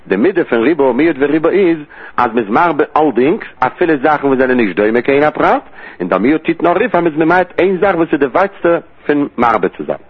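A man's voice: fairly high pitch, lively intonation, fairly quick, breathy edge. A man giving a Talmud study lesson, his phrases lifting and falling in a sing-song study cadence. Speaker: Talmud teacher. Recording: tinny phone-line audio.

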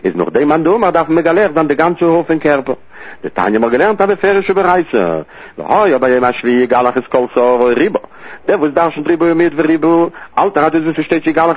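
A man teaching a Talmud lesson, his voice husky and a little breathy. He talks in a rising, sing-song study cadence. The sound is narrow and tinny, like a phone line. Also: a little high.

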